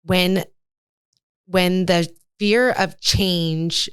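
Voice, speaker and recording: Middle-aged woman guest, low-ish voice, dry close mic, earnest storyteller. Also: steady tone, very slow, clear, resonant tone, dry recording. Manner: candid and earnest, telling a personal story. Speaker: podcast guest. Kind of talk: casual interview chat.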